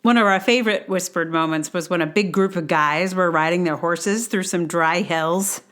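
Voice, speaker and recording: A woman from theater giving wry, amused commentary in a casual vlog, with an expressive delivery. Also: lowish voice, moderate pace.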